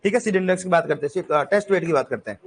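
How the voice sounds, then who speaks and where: High-voiced man quizzing a class. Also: very fast, slightly rough. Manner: quizzing students with repeated questions, teasing. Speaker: agriculture teacher. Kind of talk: classroom lecture.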